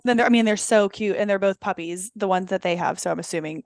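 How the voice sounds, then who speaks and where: A woman's voice: medium pitch, quick pace, no room sound. A woman hosts a podcast in easy, casual chat. She rambles between topics and keeps firing questions at her guests. Her voice sits in a middle register and sounds dry, with no room around it. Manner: chatty, rambling, asks many questions. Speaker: podcast host.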